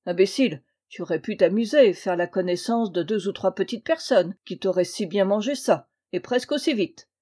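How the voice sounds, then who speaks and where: A bored, tight-fisted old landowner who needles his nephew in a dry, gruff way, read by a woman in an audiobook. The voice stays mellow and warm, raised a little when he scolds. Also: medium pitch, normal speed, hardly any pauses, lightly acted. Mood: dry teasing. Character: rich, stingy, bored older Russian landowner uncle. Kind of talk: audiobook reading.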